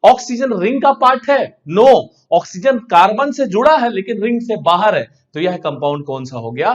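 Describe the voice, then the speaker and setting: Guy teaching science class, high lively voice, asks then answers himself, kinda dull lo-fi sound. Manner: asks questions and answers them himself, drawn-out key terms. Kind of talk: classroom lecture.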